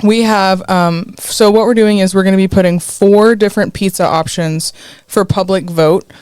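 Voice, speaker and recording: A woman's voice: medium pitch, fairly even intonation, moderate pace, a little mellow, clear, resonant tone, no echo. A woman from the sponsoring company, chatting casually and laughing easily as a podcast guest. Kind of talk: casual chat.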